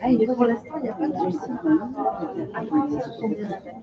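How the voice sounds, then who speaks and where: A woman's voice: on the high side, brisk. A woman giving live readings as a medium, speaking spontaneously in short, repeated, reassuring fragments. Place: public hall with audience. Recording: dull sound, loud crowd noise. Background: loud crowd.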